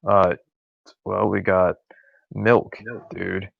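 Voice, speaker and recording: Deep gravelly laid-back man, dull mic. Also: flat delivery, drawn-out words, dry recording. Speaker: game master. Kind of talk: narrating a tabletop game over voice chat.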